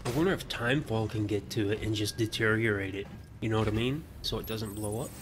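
Low-voiced man streaming a game. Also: quick pace, background noise. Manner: low-key, thinking aloud. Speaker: video game livestreamer. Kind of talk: casual play-by-play gameplay commentary. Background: faint game music.

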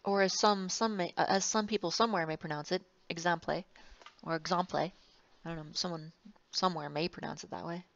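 A woman's voice: on the low side, fairly even intonation, fast, creaky. A woman engineering instructor giving a recorded lecture, rambling and correcting herself with wry asides. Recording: dull, slightly muffled, dry sound.

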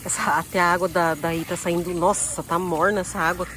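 This Brazilian vlogger's voice sits on the low side, fairly bright with little pitch movement, and she talks a little fast in a Brazilian Portuguese accent. Chatting casually to her viewers, she moves between the outdoors and a car at a campground, and there's a slight hiss or hum on the recording.

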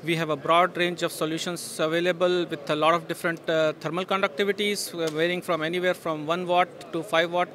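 A man's voice: fairly high pitch, little pitch movement, fairly quick, few pauses, fairly bright tone. A middle-aged man answering questions at a trade show booth, speaking with frequent fillers and restarts into a handheld mic. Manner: hesitant, many fillers and restarts. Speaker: industry guest at a trade show. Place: busy exhibition hall booth. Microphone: handheld interviewer mic. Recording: faint trade show hall noise.

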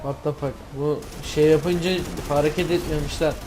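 A man from Turkey narrates his gameplay in a slightly high voice. He turns excitable and shouts in surprise. Loud gunfire and artillery from the game play behind him. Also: moderate pace, background noise. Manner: excitable, swears and yells in surprise. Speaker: gamer. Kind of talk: gameplay commentary.

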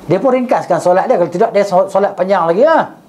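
Mellow-voiced man telling a lesson story. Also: sits high, fast talker. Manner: animated storyteller, recites Arabic then explains it; keeps checking with listeners by asking "right?". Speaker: religious teacher. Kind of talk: storytelling religious class.

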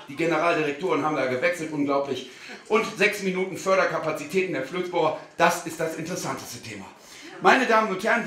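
A male comedian performing a live stage show, speaking to the audience in a mock-formal, animated way and sometimes shouting. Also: high-pitched. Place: theater stage. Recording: roomy theater sound.

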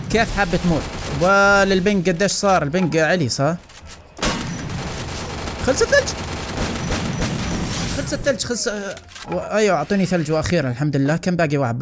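Excitable, fast-talking gamer guy. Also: high voice, background noise. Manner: excitable, teasing, quick to laugh. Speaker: gaming YouTuber. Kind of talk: live gameplay commentary.

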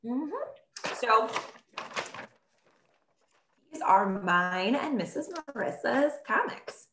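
A woman teacher telling a comic story and giving instructions in a playful, animated way. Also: on the high side, extremely slow, noisy background. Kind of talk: classroom video lesson. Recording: echoey room.

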